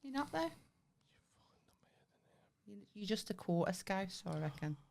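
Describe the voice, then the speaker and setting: A woman's voice: medium pitch, sing-song, unhurried, gravelly, a little mellow. A woman co-hosting a casual podcast, playful and swearing freely. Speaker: podcast co-host. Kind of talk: casual chat.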